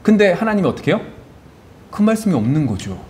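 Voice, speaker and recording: Man preaching in church, fairly high voice, really animated, keeps asking the crowd questions. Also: fast. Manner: animated, asks the congregation rhetorical questions; acts out biblical characters in quoted voices. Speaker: pastor. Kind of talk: sermon. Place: church sanctuary.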